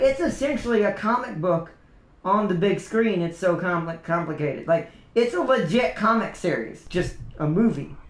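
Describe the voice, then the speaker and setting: A young man hosting a casual livestream, rambling chattily about movies with restarts and laughs. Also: high voice. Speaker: livestream host. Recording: roomy echo.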